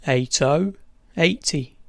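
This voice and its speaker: A bingo caller announcing numbers in measured, formulaic set phrases. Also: mid-range voice, gravelly, no room sound, studio quality.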